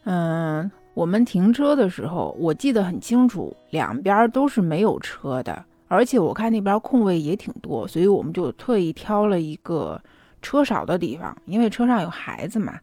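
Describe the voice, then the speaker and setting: A young adult woman casually telling a personal story in a chatty, lively way. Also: on the low side, moderate pace, no room sound, soft background music. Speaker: vlogger.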